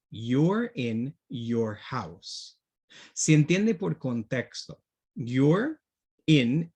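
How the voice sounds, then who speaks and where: Man, teacher, video call, husky, lively pitch, patient check-ins. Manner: patient, checks understanding with frequent "okay?". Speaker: English teacher. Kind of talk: online class, switching between English and Spanish.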